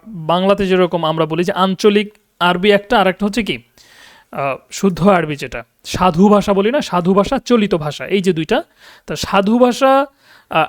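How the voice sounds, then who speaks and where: Guy teaching an online class, pretty high voice, dry close sound, lots of um's and checking ok?. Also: dry recording. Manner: explanatory, checks with "ঠিক আছে?" often; many hesitation fillers. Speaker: Arabic teacher.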